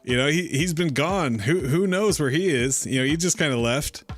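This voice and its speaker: A man's voice: on the high side, animated, moderate pace, soft background music. A man hosting a casual crypto livestream, talking in a fired-up, rambling way with frequent restarts. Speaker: livestream host.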